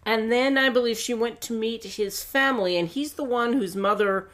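A woman co-hosting a podcast in casual chat, quick to tease and share her opinions. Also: a little high, fairly bright tone. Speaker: podcast co-host. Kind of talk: casual chat recapping a dating show.

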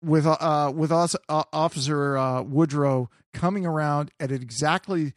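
A man's voice: on the high side, a little slow, no echo, studio quality. A man co-hosting a podcast in casual chat, rambling with restarts and swearing. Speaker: podcast co-host.

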